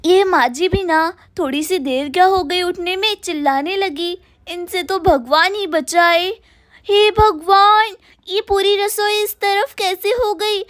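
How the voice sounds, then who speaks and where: A woman's voice: extremely high pitch, a bit bright, no echo, studio quality. A woman playing a put-upon young daughter-in-law. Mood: complaining. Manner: hurried, complaining. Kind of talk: doll cartoon storytelling.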